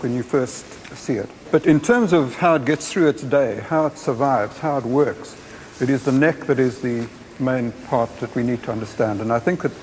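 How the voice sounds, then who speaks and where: Mid-pitched man explaining as an expert. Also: a little mellow, poor audio. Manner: explains through rhetorical questions and lists. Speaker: giraffe expert. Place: post-mortem room. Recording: faint room noise.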